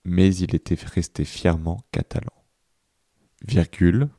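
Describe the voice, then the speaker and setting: A man reading a dictation aloud, deliberately repeating each phrase and speaking the punctuation marks. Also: low voice, dark tone, dry recording, studio quality. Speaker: dictation reader.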